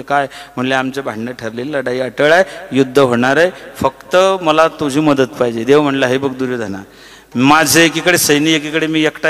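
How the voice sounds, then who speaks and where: A man's voice: medium pitch, big-room sound. A man preaching a devotional kirtan in speech, telling a story animatedly, acting out its characters and breaking into sung verses. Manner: animated, acts out characters' voices, bursts into sung chant.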